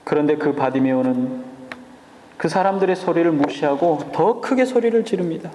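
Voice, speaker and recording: A male pastor delivers an emphatic sermon in a high, light voice and keeps turning to the congregation with rhetorical questions. His words ring out in a roomy church sanctuary with a long reverb. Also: animated, moderate pace, dark tone, slight background noise. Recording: echoey church hall reverb.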